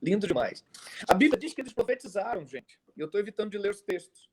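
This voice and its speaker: A male pastor with a Brazilian Portuguese accent preaching to fellow pastors over a video call, lively and full of stories. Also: sits high, fast, noisy background. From Brazil, Minas Gerais. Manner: animated preacher, tells stories, acts out dialogue. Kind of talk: sermon-style talk to pastors.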